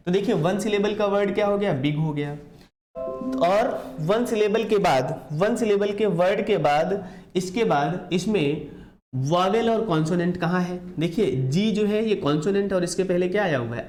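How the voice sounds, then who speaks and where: A man's voice: a little high, a little mellow. Echoey male grammar teacher. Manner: repeats key answers as call-and-response questions. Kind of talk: classroom grammar lecture.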